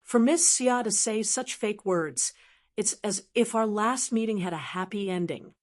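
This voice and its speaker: A woman voicing a playful, sharp-tongued young woman who mocks her rival, in an audiobook. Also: mid-range voice, measured pace, close to an everyday voice. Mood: mocking. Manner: whimsical, cynically teasing. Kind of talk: audiobook narration of dialogue.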